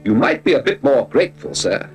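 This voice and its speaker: A man's voice: mid-range voice, expressive, a little fast, over music, lightly acted. A man voicing a polite, long-suffering male robot butler who talks in a formal, dry way and calls his master sir.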